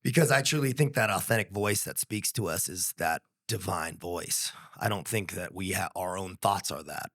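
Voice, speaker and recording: A man's voice: low voice, normal speed, hardly any pauses, fairly bright tone. A young adult man talking as a podcast guest in a casual, earnest and reflective way, swearing freely. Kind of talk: casual conversation.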